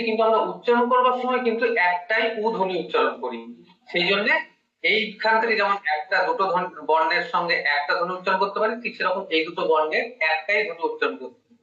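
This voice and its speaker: A man's voice: high voice, sharp tone. A man teaching Bengali grammar one-on-one, explaining step by step and quizzing his student. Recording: dull echoey room, mic at a distance.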